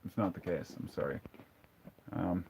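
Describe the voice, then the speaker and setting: With a deep, darkish voice and vocal fry, a live-stream host talks at normal speed as he reads viewer comments. His replies are blunt, sarcastic, and profane, conversational with frequent restarts. There's slight background noise.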